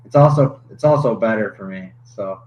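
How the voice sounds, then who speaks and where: A young man, a hockey goalie guest on a podcast, chatting casually and laughing often, with halting restarts. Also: on the low side. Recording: slightly dull podcast audio with faint noise.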